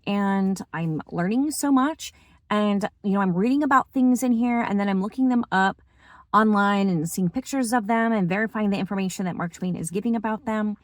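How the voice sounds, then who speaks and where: A woman's voice: mid-range voice, no echo. Chatty woman vlogging about books. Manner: enthusiastic, chatty, lots of fillers. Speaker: book vlogger. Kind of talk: casual book chat.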